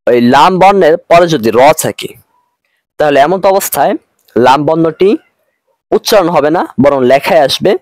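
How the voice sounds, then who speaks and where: A man with a Bangladeshi Bengali accent teaching an online Arabic grammar lesson, patient and repetitive, slowing down for each Arabic phrase. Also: fairly high pitch, no room sound.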